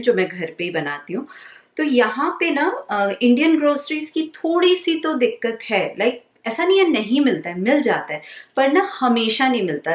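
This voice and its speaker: A woman in her thirties chatting casually in a home vlog, explaining as she cleans and cooks, recorded on a handheld camera in her kitchen. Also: mid-range voice. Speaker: home vlogger. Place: home kitchen and rooms, indoors.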